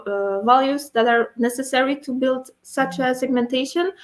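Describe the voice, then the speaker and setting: Higher-voiced woman talking with braces. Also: moderate pace. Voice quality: speaking with dental braces, slightly impeded articulation. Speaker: guest speaker, internal communications and IT professional. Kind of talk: explanatory interview answers.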